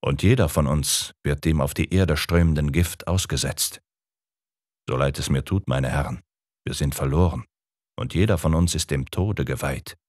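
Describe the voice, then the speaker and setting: A man voicing a booming, pompous older male professor who lectures condescendingly in an audiobook. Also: normal speed, darkish tone, dry recording, clean studio sound. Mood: grave, calm. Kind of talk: audiobook character reading.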